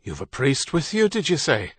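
A man doing a gruff, wary farmer. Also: fairly high pitch, wildly swooping pitch, normal speed, no echo, studio quality, pitched above the performer's own voice, heavily acted. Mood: guarded. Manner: gruff, guarded shouting. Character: wary rural Irish man guarding his house.

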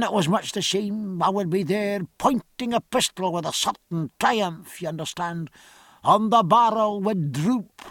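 A man's voice: sits high, dry recording, voice pushed up. A man voicing a tipsy, talkative Scottish surgeon's mate with rolling R's and a broad brogue.

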